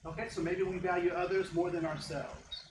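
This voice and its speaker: A man's voice: sits high, little pitch movement, normal speed. A man in his fifties from Ohio, giving an interactive, joking workshop talk to a live audience and often checking in with them. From Ohio, United States. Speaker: diversity trainer. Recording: echoey room, faint background hum.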